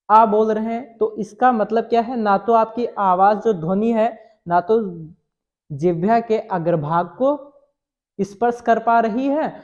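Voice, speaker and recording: A man's voice: high voice, darkish tone. A male teacher giving a Hindi grammar lesson. He asks questions, answers them himself and sounds out the vowels aloud. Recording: slightly dull lo-fi sound.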